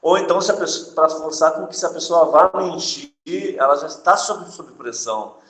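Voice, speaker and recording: A man's voice: fairly high pitch, lively intonation, normal speed, fairly bright tone, echoey room, low-quality recording. A male teacher giving an adult-education grammar lesson. He is chatty, repeats his points, tags his sentences with little checks for agreement, and jokes with the class before going back to the rule. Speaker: Portuguese teacher.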